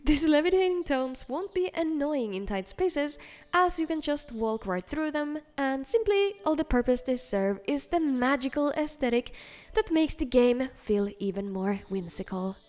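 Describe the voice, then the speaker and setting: A woman's voice: sits high, expressive, moderate pace, a little mellow. A woman reading scripted narration as the host of a video game mod showcase. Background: faint background music.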